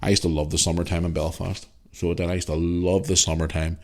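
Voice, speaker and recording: A Northern Irish man in his forties hosts a casual solo podcast, reading and answering a listener's email. His deep voice moves little in pitch, and he talks fast, rambling chattily with plenty of fillers and restarts.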